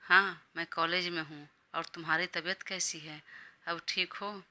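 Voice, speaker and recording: A woman's voice: fairly low pitch, steady tone, unhurried, pushed and bright. A woman voicing a chatty young female college friend who teases and gushes, in an audio story. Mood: teasing. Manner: teasing, gushing.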